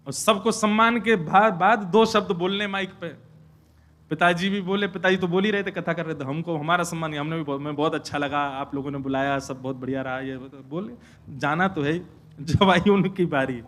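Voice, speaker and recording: Young male preacher, high bright voice, animated storyteller. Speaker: kathavachak preacher. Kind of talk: devotional scripture sermon with storytelling.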